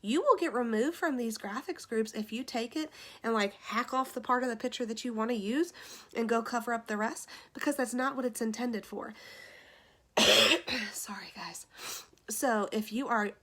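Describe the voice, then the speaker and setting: A woman's voice: fairly high pitch, moderate pace. Chatty woman teaching graphics. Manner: chatty, addresses viewers as you guys and y'all. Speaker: social media graphics instructor. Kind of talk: casual tutorial. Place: her room at home. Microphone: phone camera pointed at ceiling.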